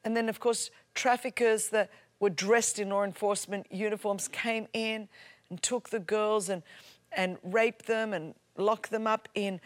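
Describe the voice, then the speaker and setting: A woman who speaks Greek natively preaches a little slowly, in a mid-range voice with fairly even intonation. Her sermon tells a story with mounting passion and ends up in loud, emphatic repetition.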